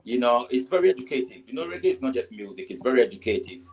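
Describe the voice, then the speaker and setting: A Ghanaian man speaks as a reggae artist being interviewed, in plain, steady conversation. His voice sits at a middle pitch, with a Ghanaian accent. He keeps dropping "you know" and trips into repeating a word before finishing his thought. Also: rapid-fire, rough recording. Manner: many "you know" fillers, repeats and stammers on words. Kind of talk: casual interview answers.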